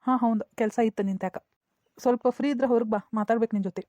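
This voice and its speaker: An earnest, pleading young office man in a cartoon comedy, as a woman voices him, in a North Karnataka Kannada accent. The voice is quick and rather high, with a dark, mellow tone. The recording is dull and dry. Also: steady tone, a little hiss or hum, lightly acted. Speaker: cartoon voice actor.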